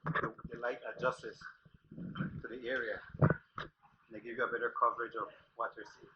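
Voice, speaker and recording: A man's voice: mid-range voice, level tone, fairly quick, highs cut off, background noise. A man working as a tour guide, giving casual instructions to a group inside a cave.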